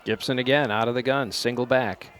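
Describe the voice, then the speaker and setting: A man calling a college football game play by play in a relaxed, unpolished way, sometimes unsure of player names. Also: medium pitch, fairly quick, a faint crowd, a little hiss or hum. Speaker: play-by-play announcer. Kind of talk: local college football commentary.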